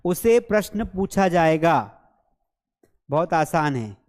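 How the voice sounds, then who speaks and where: A man teaching English grammar in a live online class, repeating example sentences slowly and checking that students follow; his first language is Hindi. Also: a little high, very animated, a little mellow, big-room sound. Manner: slow, drilled repetition of example sentences; coaxing, checks understanding with repeated questions. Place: studio with a board and screens.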